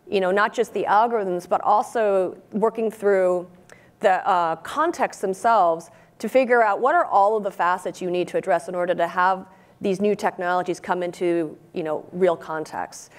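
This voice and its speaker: A woman's voice: on the low side, moderate pace. Woman explaining fluently on a panel. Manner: expansive, fluent explaining with many "you know"s. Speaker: panelist, robotics researcher. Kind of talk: conference panel discussion. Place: conference stage.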